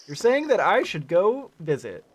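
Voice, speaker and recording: Playful streamer with an animated voice. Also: medium pitch, normal speed, slight background noise. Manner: playful, goofy, talks to chat. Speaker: game streamer. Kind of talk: casual live game commentary.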